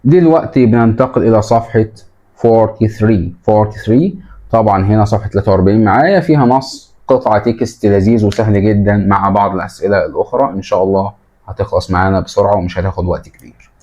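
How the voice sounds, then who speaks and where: A man's voice: lowish voice, fast talker, mellow, lo-fi sound. A man with an Egyptian Arabic accent, an English teacher patiently explaining textbook exercises to children and asking them questions as he goes. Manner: patient, repeats key words and asks the pupils questions.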